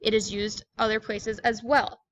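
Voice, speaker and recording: A woman's voice: on the high side, little pitch movement, normal speed, no echo. A woman giving a scripted educational presentation, reading aloud in a plain, explanatory manner.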